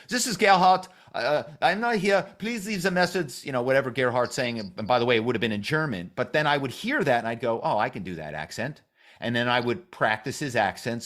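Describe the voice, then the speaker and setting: A middle-aged man from Philadelphia tells stories from his past in a podcast interview. He talks at a middle pitch and slips into quick impressions of the people he quotes. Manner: animated storyteller, acts out quoted voices. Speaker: podcast guest, author and former corporate spy. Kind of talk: storytelling interview.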